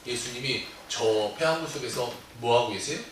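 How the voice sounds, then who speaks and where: A male pastor giving a Sunday sermon, telling the story with lively emphasis. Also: mid-range voice, moderate pace, a little hiss or hum. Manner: animated storytelling, acting out disciples' cries. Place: church sanctuary. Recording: echoey church hall, distant mic.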